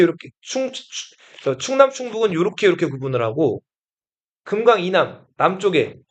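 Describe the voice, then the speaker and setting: A man's voice: high-pitched, lo-fi sound. A male history teacher lecturing a class, often asking the students questions and repeating their answers.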